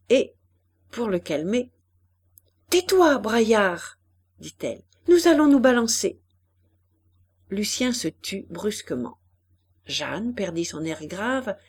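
Expressive woman reading a novel aloud. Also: medium pitch, breathy edge. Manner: expressive, acts out each character. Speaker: audiobook reader. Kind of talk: audiobook narration.

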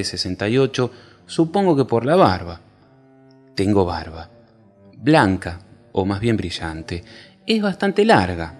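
A man doing a slow, self-absorbed bearded god. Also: lowish voice, darkish tone. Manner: slow, drawn-out and self-satisfied.

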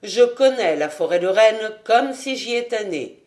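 A woman reading an audiobook, voicing a male army captain in a lowered, cool, measured tone. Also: animated, a little mellow, natural voice. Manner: cold, measured, unhurried.

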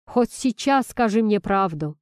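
A woman's voice: mid-range voice, animated, a little slow, darkish tone, smooth, no room sound, studio quality, natural voice. Woman reading as a bitter, furious young man. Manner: tense, hissing, bitter. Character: angry young man confronting his father.

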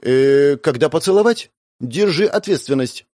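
A man's voice: a little high, lively intonation, measured pace, darkish tone, no room sound, clean studio sound, voice pushed up. A man voicing an eager, self-important young girl who speaks in broken grammar.

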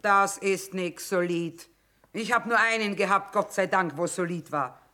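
A woman's voice: medium pitch, measured pace, bright, forceful tone. An actress playing a middle-aged, shrewd, blunt mother who trades in wartime, in earthy speech for a radio drama. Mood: wry, troubled. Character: hard-bitten, shrewd, sharp-tongued mother trading in wartime. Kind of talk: German stage-style radio drama acting.

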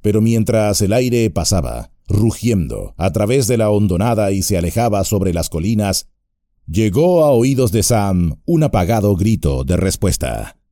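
A man reading a fantasy audiobook in a measured way, with dramatic pauses. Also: on the low side, very animated, warm tone, no room sound, clean studio sound. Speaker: audiobook narrator. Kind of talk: scripted narration.

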